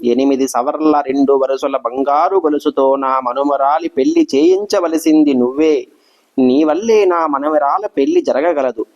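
A man's voice: medium pitch, fairly even intonation, measured pace, darkish tone, muffled recording, close to an everyday voice. A man voicing an anxious, devout elderly grandmother who pleads in prayer. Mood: pleading.

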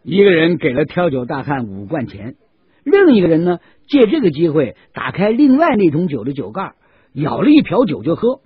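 A man narrating a classic tale as an audiobook storyteller, in a lively, expressive way, on a dull, dry lo-fi recording. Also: a little high, normal speed, husky, no room sound.

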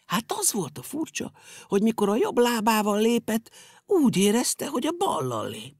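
Animated male storyteller reading a children's tale. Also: sits high, dry recording, studio quality. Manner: animated and playful. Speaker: audiobook narrator.

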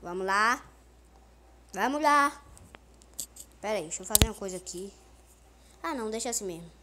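A woman's voice: mid-range voice, expressive, moderate pace, bright, forceful tone, a little hiss or hum. A young Brazilian woman giving casual, playful commentary on her own gameplay, repeating words in a sing-song way and laughing often. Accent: Brazilian Portuguese. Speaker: gaming youtuber.

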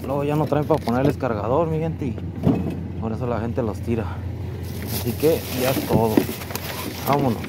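A man's voice: medium pitch, normal speed, long pauses. A man, casually narrating to his viewers as he picks through curbside trash outdoors on a body-worn camera. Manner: chatty, keeps addressing viewers as "mi gente". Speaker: vlogger. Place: outdoors on a residential street. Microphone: chest-mounted action camera. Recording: loud outdoor street noise.

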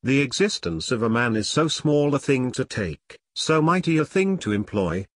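A man's voice: mid-range voice, animated, moderate pace, no echo, clean studio sound, lightly acted. A man reading the lines of a proud, brooding royal prince in a grave, formal manner in an audiobook. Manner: grave, formal old-fashioned speech.

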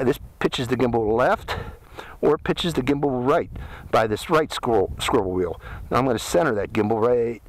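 With a slightly high voice, a middle-aged man from Pittsburgh, judging by his accent, casually reviews a product step by step while outdoors. He's a drone reviewer and channel host standing in a windy desert canyon. A body-worn hat camera captures the rough, noisy action-camera sound.

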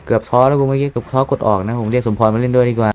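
A young man giving excitable, profanity-laced commentary as he plays a video game. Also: medium pitch, rapid-fire, clean tone, faint music behind. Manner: excitable, swears a lot, yells at the game. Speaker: gaming streamer. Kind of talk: live gameplay commentary.

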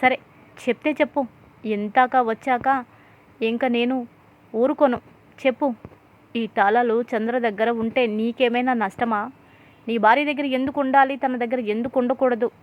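A woman voicing a stern older father who scolds his son loudly and commands the household. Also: fairly high pitch, moderate pace, lightly acted. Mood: scolding. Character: stern older father, domineering head of family. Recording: tinny phone-like audio.

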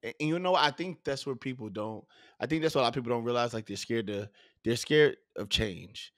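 A podcast host from the southern United States conducts a casual interview in his home studio, speaking loosely with lots of fillers and restarts. He uses a studio mic with headphones. His medium-pitched voice is brisk and a bit bright, with no room sound.

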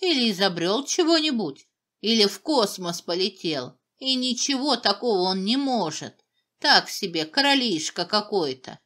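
A woman's voice: medium pitch, very animated, moderate pace, fairly bright tone. A woman voicing a young boy who brushes things off scornfully and impatiently. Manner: dismissive, impatient.

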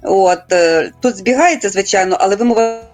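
A woman from Volyn, a guest linguist in a radio interview, explaining in a measured, lecturing way and carefully quoting dialect words. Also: medium pitch, music in the background. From Volyn, Ukraine.

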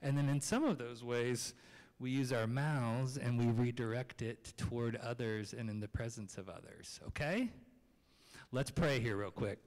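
A man's voice: medium pitch, unhurried, a little mellow. A man in his thirties sits on the chancel steps of a large church and talks casually to children, asking them questions as he goes. His voice carries a long reverb from the sanctuary. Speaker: children's message leader. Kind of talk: children's sermon. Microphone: handheld microphone.

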